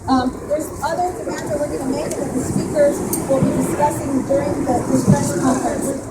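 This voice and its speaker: A woman who organizes a rally, opening a press conference outdoors and talking in a hesitant way, with many pauses and fillers. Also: high-pitched, flat delivery. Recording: distant echoey outdoor recording with crowd and loud noise.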